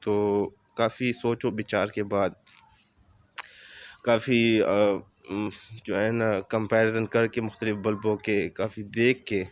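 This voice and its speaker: Man with a sore throat, low-pitched. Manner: measured, advising, with frequent fillers. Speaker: car vlogger. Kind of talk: casual video explanation. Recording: faint background noise.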